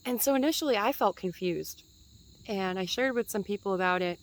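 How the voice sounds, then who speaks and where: A woman's voice: mid-range voice, a little fast, low-quality recording. A woman in her twenties giving a casual spiritual teaching outdoors in a forest, chatty and meandering, with fillers and light laughs.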